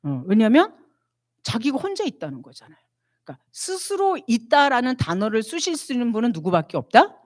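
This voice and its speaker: A woman's voice: fairly high pitch, very animated, a little fast, darkish tone, dry recording, studio quality. A woman missionary giving a church retreat lecture, teaching animatedly and asking the audience questions that she answers herself.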